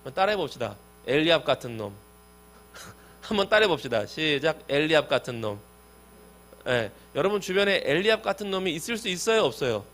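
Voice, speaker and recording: Brief: male youth pastor, slightly high voice, preaching in a lively, direct way to teens. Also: fairly quick. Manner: lively, talks directly to listeners. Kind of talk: youth sermon.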